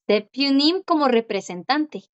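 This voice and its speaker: A woman teaching a Korean class, who repeats words slowly and keeps checking in with her students. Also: high-pitched, expressive. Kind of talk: online class explanation. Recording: dull lo-fi audio.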